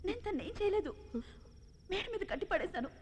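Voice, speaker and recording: A woman's voice: extremely high pitch, sing-song, fast, long reverb tail, a little hiss or hum. A woman voicing an obsessive, volatile young woman in a dubbed film drama, taunting and erratic. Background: film score.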